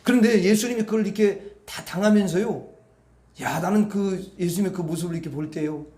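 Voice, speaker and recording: A man's voice: high voice, fairly quick, a little mellow, reverberant. A male pastor preaching a Sunday evening sermon in a conversational way, often asking the congregation to agree with him. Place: church sanctuary.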